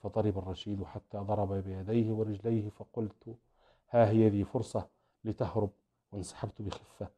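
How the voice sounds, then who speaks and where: A man's voice: on the low side, flat delivery, brisk, dark tone. A man narrating a story in a dramatic storytelling manner, in a dull lo-fi recording.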